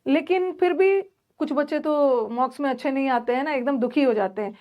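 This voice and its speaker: On a dull-sounding recording, a young woman with a high voice gives an online grammar lecture at a slightly fast pace. She addresses her students directly in a chatty way, full of fillers and false starts.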